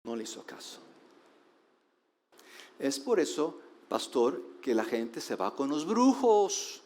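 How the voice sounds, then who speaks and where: A man preaching a sermon as pastor, asking rhetorical questions and slowing down for emphasis. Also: medium pitch, big pitch swings, a little mellow. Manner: rhetorical questions, shifting slow emphasis and quick asides.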